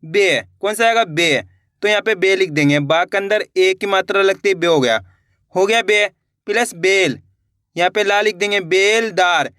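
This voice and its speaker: A man leads a beginner's spelling lesson in a bright, crisp voice. He poses a question and answers it himself, then drags each word out syllable by syllable. The sound is dry and close, with no room around it. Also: high voice, no room sound. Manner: repetitive, asks and answers his own questions; stretches out words slowly when sounding them out. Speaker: Hindi literacy teacher.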